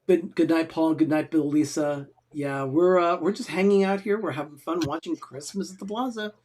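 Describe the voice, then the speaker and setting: A man's voice: a little high, normal speed, darkish tone. A man co-hosting a casual watch party, earnestly walking friends through the plot. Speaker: co-host.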